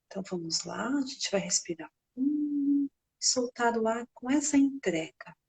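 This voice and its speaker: A Brazilian woman leading a guided meditation in a soft, breathy voice, gently and unhurriedly, with long pauses. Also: fairly high pitch, animated.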